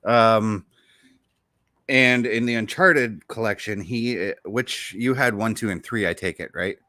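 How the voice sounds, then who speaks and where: Eager man with a bright voice. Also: fairly low pitch, a little slow, no echo, clean studio sound. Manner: enthusiastic, rambling, backtracking mid-sentence. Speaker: show host. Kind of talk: casual podcast chat about games.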